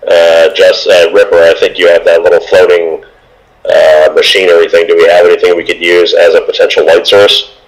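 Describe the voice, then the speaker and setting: Man, tabletop player, casual, thinking aloud, very deep, monotone. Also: brisk, rough recording. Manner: thoughtful, deliberating aloud.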